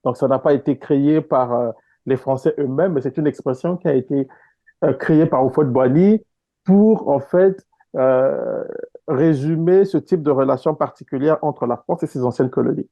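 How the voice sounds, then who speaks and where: A Congolese-born man answering interview questions in a measured, explanatory way with frequent hesitations, speaking over an online call. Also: mid-range voice, mellow, dry recording. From Congo (DRC). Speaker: guest author.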